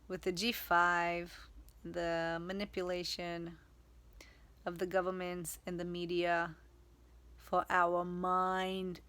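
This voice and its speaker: A woman whose first language is Hebrew, talking in a casual spiritual vlog and often pausing to search for words. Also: fairly low pitch, fairly bright tone. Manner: slow, searching for words, many fillers and restarts. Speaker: vlogger.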